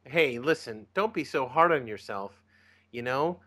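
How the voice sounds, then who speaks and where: A man's voice: medium pitch, expressive, a little slow, sharp tone. A man co-hosting a casual podcast, teasing and needling his friend. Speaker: podcast co-host.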